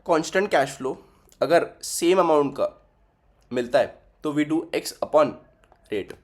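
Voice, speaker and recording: This finance lesson comes from a young man with a fairly high, animated voice and a measured pace. He goes back and forth between Hindi and English, reasoning through the numbers aloud and repeating each figure.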